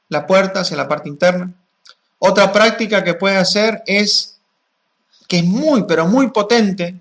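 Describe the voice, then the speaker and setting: A man, a spiritual teacher answering questions in a calm, explanatory way and chanting mantras with drawn-out vowels. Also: high-pitched. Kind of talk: gnostic teaching talk.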